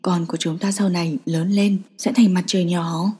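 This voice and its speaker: Give me a gentle, soft-spoken young man voiced by a woman narrator, low and even, dark and husky. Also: brisk, big-room sound. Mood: tender.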